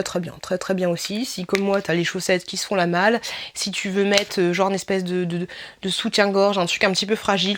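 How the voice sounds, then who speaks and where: A woman chatting casually as she reviews products for her viewers, informal, laughing often and talking to the viewer directly. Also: medium pitch. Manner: addresses the viewer as tu. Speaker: vlogger reviewing shop products.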